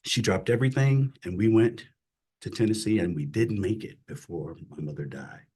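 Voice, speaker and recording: A middle-aged man, a chaplain, telling his personal faith story as an interview guest in an earnest, emotional way that drops to a hush at hard moments. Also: on the low side, moderate pace, slightly rough. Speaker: chaplain and CPE director, guest.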